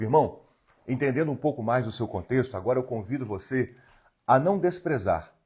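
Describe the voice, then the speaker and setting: A man in his 40s with a fairly low, slightly mellow, husky voice. He's an emotional healing therapist live streaming from home, speaking earnestly and directly to viewers in a coaching manner and reading out their comments.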